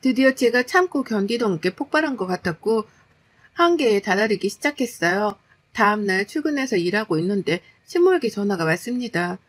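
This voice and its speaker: A woman narrating a first-person story in a plain, steady, confessional way. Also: medium pitch, brisk.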